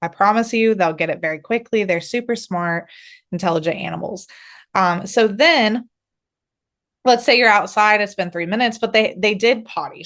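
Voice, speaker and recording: A woman's voice: mid-range voice, fairly bright tone. A middle-aged woman dog trainer giving practical, reassuring instructions to camera, with many fillers and restarts.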